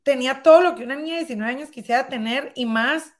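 A woman in her thirties telling a personal story as a guest in conversation, lively and acting out past dialogue. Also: sits high, fast talker. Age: 30s.

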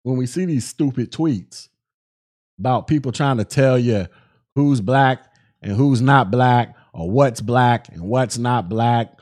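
A young man hosting a solo podcast, talking in animated, slang-heavy commentary full of restarts and repeated words. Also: mid-range voice, slow. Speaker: podcast host.

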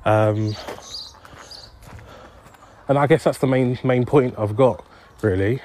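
A man's voice: medium pitch, slow pace, darkish tone, a little hiss or hum. Rambling young man walking outdoors. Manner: rambling, self-deprecating, easily distracted. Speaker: podcast host. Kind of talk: casual solo podcast monologue while walking. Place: outdoors on a street.

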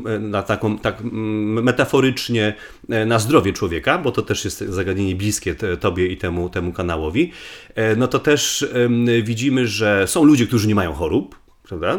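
A man's voice: fairly low pitch, normal speed. A man from Poland explains things conversationally as a guest researcher, often repeating words and restarting as he thinks aloud.

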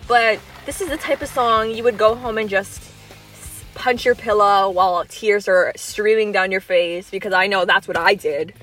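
A woman's voice: mid-range voice, normal speed, fairly bright tone, soft background music. A young woman co-hosting a podcast, telling stories in a rambling, dry, casual way. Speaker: podcast co-host. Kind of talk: casual chat.

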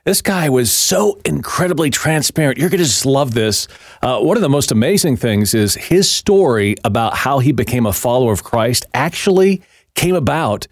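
Upbeat male podcast host, animated delivery, dry studio sound, probing questions. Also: mid-range voice, dry recording. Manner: enthusiastic, jokey, asks probing questions. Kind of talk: podcast interview.

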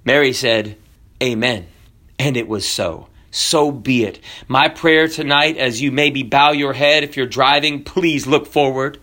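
A man born in Kenya preaching a sermon, fervent, building to near shouts and then dropping low and soft. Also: measured pace.

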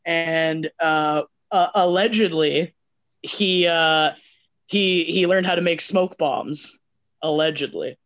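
A man's voice: fairly high pitch, slow, fairly bright tone, lo-fi sound. A man co-hosting a casual drinking podcast, telling a rambling profane story full of fillers. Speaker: podcast co-host.

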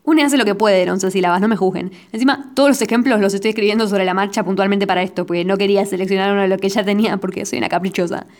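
A woman with an Argentine Spanish accent talks through poetic meter in a relaxed podcast voice of middle pitch. She is playful and self-mocking, slowing right down to count out each syllable. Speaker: podcast host. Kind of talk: casual teaching podcast.

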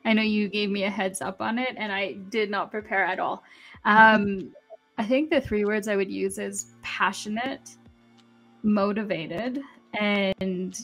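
A young woman from Kenya joins a podcast as a guest, speaking at a mid-range pitch in a friendly, easygoing way and laughing often. Faint music sits under her voice. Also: steady tone, a little slow, a bit bright, poor audio. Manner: friendly, laughing, loose conversational. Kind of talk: casual interview.

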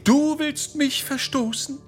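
A man doing a shrill, scheming old-tale wife. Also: steady tone, slow, soft background music. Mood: scolding. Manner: high, shrill, mocking and bossy. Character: shrill scolding cunning wife, middle-aged woman.

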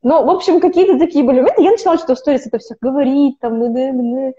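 A woman in her twenties, an opera student appearing as a podcast guest, talks casually in a high, warm voice at a very fast clip. She rambles through the interview, often restarting and correcting herself. The recording is dull and lo-fi.

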